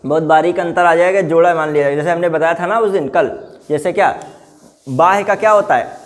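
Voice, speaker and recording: A man's voice: on the high side, a little fast. A man teaching a grammar class, repeating each word and putting questions to his students. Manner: drilling words, repeating answers, asking the class questions.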